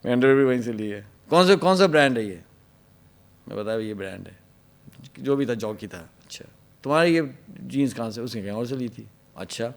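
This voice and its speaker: A man telling his life story in an interview. He acts out an angry interrogator and drops to a hushed voice for his own answers. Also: vocal fry. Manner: drops to a hushed, low voice when quoting himself.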